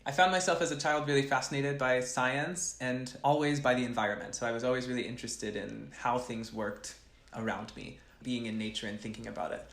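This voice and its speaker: A young man answers interview questions with earnest, thoughtful care, often circling back to restart a sentence. His voice sits at an ordinary middle pitch. The room around him is noticeably echoey. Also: steady tone, brisk, creaky, fairly bright tone. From grew up between West Africa and the US East Coast. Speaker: chemical engineering professor, guest.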